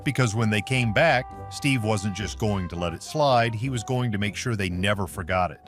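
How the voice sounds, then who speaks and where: Lowish male storytelling narrator. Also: moderate pace, fairly bright tone, faint music behind. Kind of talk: scripted narration.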